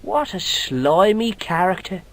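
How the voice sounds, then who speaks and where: A man's voice: high-pitched, expressive, measured pace, a bit bright, heavily acted. A man voicing a cheeky, boastful Irish boy who tells tall tales in broad colloquial speech, with an Irish accent, in a video game.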